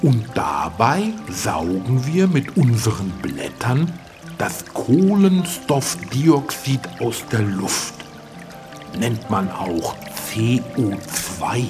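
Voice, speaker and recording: A man voicing an old, wise talking tree in a children's radio play, slow and chuckling. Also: medium pitch, big pitch swings, over music. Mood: kindly, teaching.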